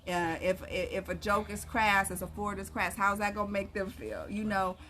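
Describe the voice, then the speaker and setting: A woman's voice: medium pitch, level tone, moderate pace, a bit bright. A woman co-hosting a relationship livestream from the backyard, giving conversational advice and posing rhetorical questions. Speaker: co-host of a relationship ministry livestream. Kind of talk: casual advice chat. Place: outdoors in a backyard. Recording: some background noise, outdoor livestream.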